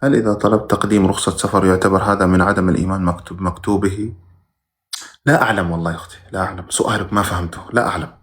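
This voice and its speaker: A man's voice: deep voice, steady tone, very fast. A man who teaches religion, reading viewers' questions aloud during a live stream and giving brief, plain answers with sudden emphatic rises.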